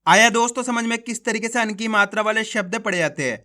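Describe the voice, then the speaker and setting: A man teaching beginners to read, sounding out words slowly and repeating each one, then explaining the steps in a chatty voice. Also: high voice, pushed and bright. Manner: slow, drawn-out word-by-word reading drills. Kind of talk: Hindi reading lesson.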